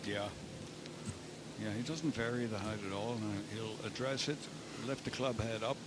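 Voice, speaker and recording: A man's voice: lowish voice, normal speed. A man doing live golf commentary in short, conversational observations. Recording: loud outdoor course noise. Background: loud outdoor ambience.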